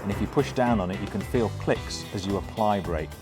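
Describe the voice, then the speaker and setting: A mature man with a fairly low voice gives an informal instructional briefing. He explains step by step, often restarting and correcting his phrasing. Faint music sits behind him. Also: a little fast. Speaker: flight instructor.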